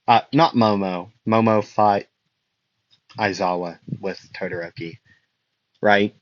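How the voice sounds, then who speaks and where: A man's voice: lowish voice, fairly even intonation, slow, dry recording. A young man improvising a fan-fiction story, rambling with many fillers and self-corrections. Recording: dull lo-fi dry recording.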